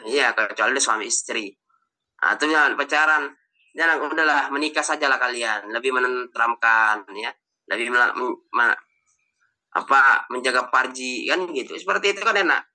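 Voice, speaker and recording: A man's voice: mid-range voice, moderate pace, pushed and bright. A man, preaching informally in an online study session with jokes and trailing restarts. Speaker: Islamic preacher.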